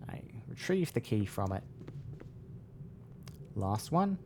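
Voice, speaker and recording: A man doing casual let's-play commentary, low-key and half muttering to himself as he plays. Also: sing-song, slow pace, slight background noise. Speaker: game player and commentator.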